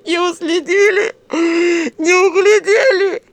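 A woman's voice: extremely high pitch, fairly even intonation, slow pace, voice pushed up, full character voice. A woman voicing a distraught peasant mother who wails and sobs. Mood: wailing. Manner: wailing, sobbing.

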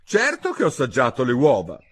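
Brief: earnest, protesting young girl, voiced by a male narrator; husky, animated. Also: medium pitch, brisk, voice pushed up. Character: puzzled, indignant little girl Alice.

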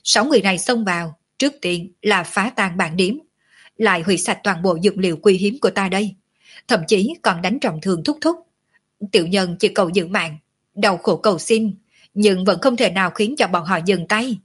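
A woman voicing a crafty young male shopkeeper who flatters officials and plays the victim. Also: mid-range voice, moderate pace, slightly rough, natural voice. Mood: fawning complaint. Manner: pleading, flattering, theatrically aggrieved.

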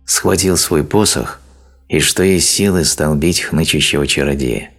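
A man narrating an audiobook in a solemn, measured manner. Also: rumbling low, gravelly, faint music behind.

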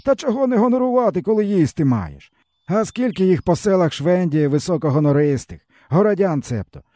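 A bitter, hungry peasant uncle, as a male reader puts him on rambles on in a mournful, folksy way. His voice sits higher than a narrator's and rises and falls with feeling, yet keeps a mellow softness. It is recorded close and dry, with no room sound. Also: no echo. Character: starving weary peasant uncle, bitter and fatalistic. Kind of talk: audiobook character reading.

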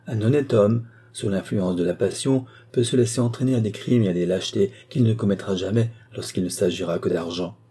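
A man's voice: lowish voice, fairly quick, hardly any pauses, dark tone, breathy edge. A man voicing a proud, principled young man who answers his mother firmly and earnestly. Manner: earnest, firm.

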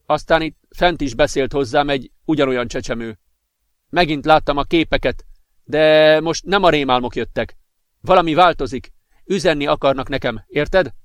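Man reading volatile young hothead, pitched up, urgent and heated, dry booth. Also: clean tone, no echo, close to an everyday voice. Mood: urgent, insistent. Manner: excited, insistent, increasingly furious. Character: agitated straw-haired young man, volatile.

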